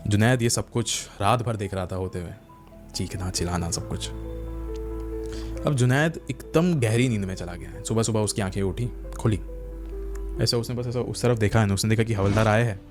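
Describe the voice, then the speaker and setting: A man narrating a horror story dramatically, acting out the characters' lines. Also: on the low side.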